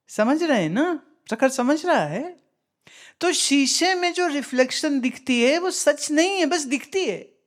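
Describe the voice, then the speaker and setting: A woman spiritual teacher giving a discourse, explaining with homely examples, asking her listeners questions and mixing in English phrases. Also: sits high.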